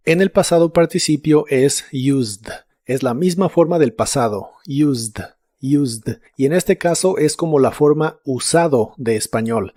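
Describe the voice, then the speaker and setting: Calm man teaching an English lesson. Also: a little high, dry recording, studio quality. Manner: slow, even explanation with repeated example words. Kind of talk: scripted language lesson.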